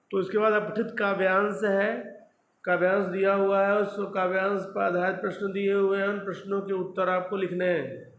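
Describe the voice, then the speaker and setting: High-voiced teacher in an echoey room. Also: male voice, a bit bright. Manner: patient, explaining step by step, often checks with "okay". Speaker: school Hindi teacher. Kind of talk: classroom lesson video. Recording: echoey room with faint background noise.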